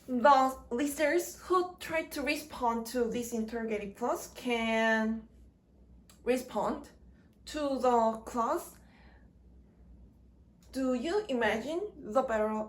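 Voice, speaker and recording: Slow, halting woman explaining grammar. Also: on the high side. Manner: deliberate, halting phrasing in short chunks. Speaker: grammar teacher. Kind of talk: slow lecture on English grammar.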